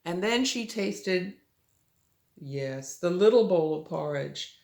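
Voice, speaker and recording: An older woman with a sweet old lady manner tells a children's story as a grandmother, gently coaxing the listener with little questions. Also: fairly low pitch, expressive, takes it slowly, vocal fry. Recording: roomy, echoey home recording.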